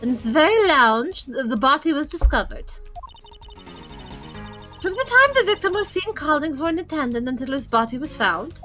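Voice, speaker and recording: An arrogant young prosecutor, read by a woman talks down in a sleepy drawl. The voice sits high, with faint game music under it. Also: sing-song, moderate pace, pushed and bright, exaggerated voice. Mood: condescending.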